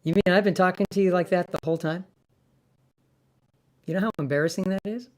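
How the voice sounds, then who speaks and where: A man hosting a casual livestream, his voice pitched up and sped up by a sample rate mismatch on his mic rig, rambling and amused at himself. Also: fairly even intonation, brisk, a little mellow, rough recording. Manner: rambling, self-amused, thinking aloud. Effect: pitched-up chipmunk sound from a sample rate mismatch. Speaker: livestream host. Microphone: streaming mic rig.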